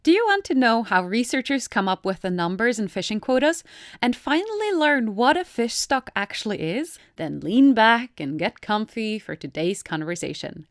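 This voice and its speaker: A woman's voice: on the high side, sing-song, moderate pace, no echo, clean studio sound. A woman hosting a podcast, chatting playfully and joking with her guest. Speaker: podcast host. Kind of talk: casual interview chat.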